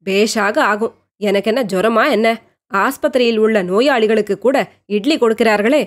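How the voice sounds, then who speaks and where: A lovesick young woman lies sick in bed and turns her doubts over and over in an anxious inner monologue, as a woman narrator reads her. Her voice sits fairly high. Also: normal speed, lightly acted. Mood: cheerful.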